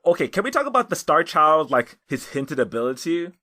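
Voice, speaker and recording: A man's voice: fairly high pitch, very animated, brisk, pushed and bright. A man co-hosting a casual anime chat, talking in a hesitant way with many restarts. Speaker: podcast co-host.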